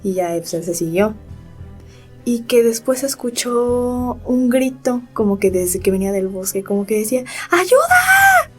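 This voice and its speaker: A young Mexican woman spins a spooky story on a casual podcast, talking at a middling pitch. She keeps slipping into reported speech as she retells it. Faint music plays underneath. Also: moderate pace, mellow, slightly rough. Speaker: podcast co-host.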